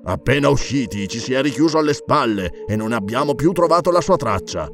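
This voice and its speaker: Narrator reading a careful male explorer, slow, measured, weighing each word. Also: medium pitch, lively intonation, creaky, faint music behind.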